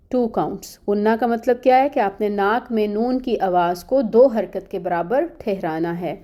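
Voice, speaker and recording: Mellow-voiced woman teaching recitation. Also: medium pitch. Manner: patient, explains step by step, checks in with "okay?". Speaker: Quran tajweed teacher. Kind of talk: online recitation lesson.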